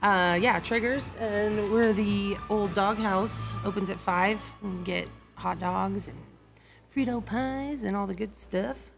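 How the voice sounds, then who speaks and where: A woman co-hosting a casual podcast from a bar patio, chatty and teasing with quick asides. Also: medium pitch, vocal fry. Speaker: co-host. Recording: music playing behind.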